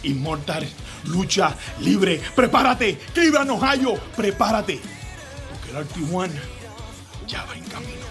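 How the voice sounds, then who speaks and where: A man's voice: high-pitched, sing-song, normal speed, a bit bright. A man delivering a dramatic wrestling promo in short, theatrical, declaimed phrases. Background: music.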